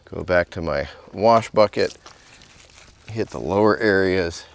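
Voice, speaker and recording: Speaking on a close mic with slight background noise, a middle-aged car detailer talks through a casual instructional demonstration in a residential driveway outdoors. His voice sits low and his pace is a little slow.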